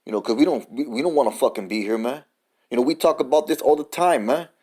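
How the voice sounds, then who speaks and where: A man's voice: mid-range voice, fast talker, darkish tone. A man preaching an informal sermon, cursing and stumbling over repeated words, often ending lines with "man" as he reads scripture and definitions. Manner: profane, repetitive, says "man" often.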